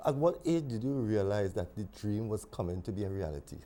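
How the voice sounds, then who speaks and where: A man hosting a studio TV interview, formal and welcoming, with soft humming acknowledgements. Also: fairly low pitch, expressive, fairly quick, slight background noise. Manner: formal, welcoming, with filler hums. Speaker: TV talk show host.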